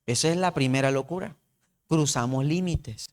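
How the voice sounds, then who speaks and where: A man's voice: a little high, moderate pace, darkish tone. A male pastor preaching a sermon, retelling the story and repeatedly calling the listener his beloved brother.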